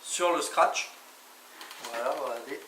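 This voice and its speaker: The clip, recorded with a distant mic in an echoey, clearly noisy setting, features a man with a mid-range voice speaking at a slow pace. He's a motorcycle vlogger presenting gear in a casual, hands-on tutorial, informally covering each step with little interjections.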